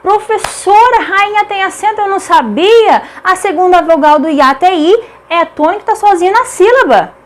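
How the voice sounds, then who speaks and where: A woman's voice: extremely high pitch, expressive, moderate pace, a little hiss or hum, voice pushed up. Woman doing a surprised student. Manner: incredulous, questioning. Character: surprised student questioning the teacher.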